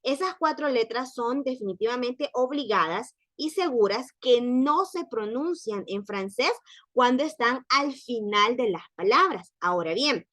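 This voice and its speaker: Mujer profesora, habla lenta y paciente. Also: female voice, fairly high pitch, expressive, fairly bright tone, no echo. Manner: slow and patient, repeats example words, checks in with "¿ok?". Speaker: French teacher. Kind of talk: online class lecture.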